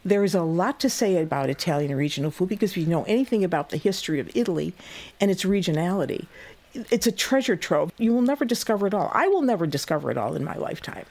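Lively low-voiced woman in her eighties. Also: quick pace. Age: 80s. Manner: lively, laughing, acts out quoted voices. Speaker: guest, cooking show host. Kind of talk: interview storytelling.

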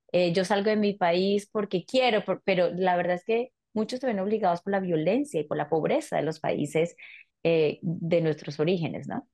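Earnest low-voiced woman TV host. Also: darkish tone. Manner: earnest, encouraging questions. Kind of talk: TV interview. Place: small studio set.

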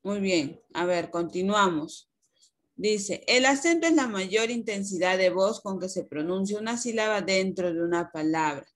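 A woman teaches young pupils over a video call. She explains patiently and slowly, asking questions and then answering them. Her voice sits at an ordinary middle pitch. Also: animated. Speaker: primary school teacher. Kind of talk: online class lesson.

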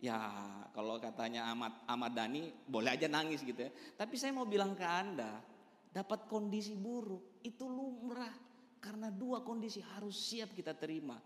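A man's voice: high voice, moderate pace, a bit bright. Man, motivational speaker, emphatic, addresses audience directly, long hall reverb. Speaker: motivational speaker at a business meeting. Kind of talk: live motivational seminar talk.

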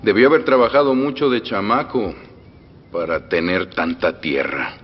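Speaking at a moderate pace with a breathy edge, a fairly low-pitched male actor with a Mexican accent dubs a menacing middle-aged revolutionary general. The character teases, threatens and bursts into loud laughs, swinging from soft menace to loud outbursts. The dull film soundtrack has long reverb and faint music.

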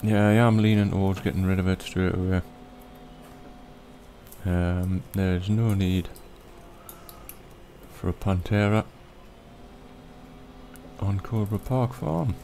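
Guy chatting over his farming game, low warm voice, laid back, lots of ums. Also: takes it slowly, long pauses, a little hiss or hum. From Britain. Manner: relaxed, rambling, frequent ums. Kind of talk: casual gameplay commentary.

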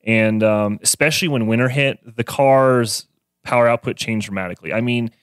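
Speaking into a close boom-arm studio mic, a young mechanic and car tuner chats casually about cars as a podcast guest in a small, garage-styled studio. His medium-pitched voice is clear and resonant, at a normal pace, with a dry sound and no echo.

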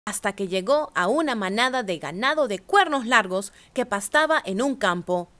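A woman reading a children's picture book aloud with expressive, animated storytelling. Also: a little high, moderate pace.

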